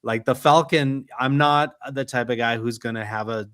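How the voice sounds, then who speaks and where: A man's voice: mid-range voice, steady tone, normal speed, fairly bright tone, smooth, no echo, clean studio sound. A man from Canada hosting a casual podcast chat, an enthusiastic fan who talks in long rambling thoughts. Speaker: podcast host.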